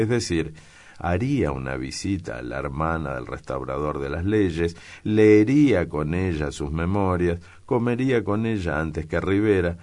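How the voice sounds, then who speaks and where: A man with a very deep voice reading the part of a witty young man who teases his friends, in a bantering, mischievous manner. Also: darkish tone.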